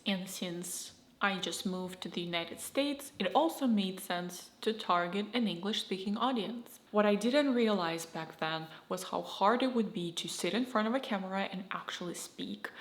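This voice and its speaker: A YouTuber with a Russian accent speaks to camera in a candid, reflective personal vlog that is scripted. Her voice sits at an ordinary middle pitch, and she phrases things in slightly choppy pieces. The room lends the recording a noticeable echo.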